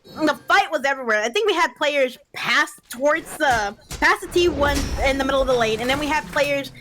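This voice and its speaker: A woman's voice: high-pitched, lively intonation, fairly quick, fairly bright tone. A woman doing chatty color commentary on a video game match, hedging with fillers. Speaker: esports caster. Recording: music bed behind voice. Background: game music.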